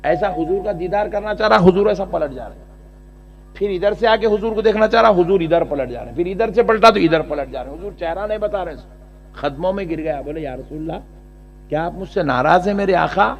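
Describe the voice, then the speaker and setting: A man delivers a dramatic sermon, voicing the people in his story. His voice is gravelly and fairly high for a man. The recording is dull and lo-fi, with a faint electrical hum underneath. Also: lively intonation. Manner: dramatic, acts out dialogue, rises to loud emphatic peaks. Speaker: preacher.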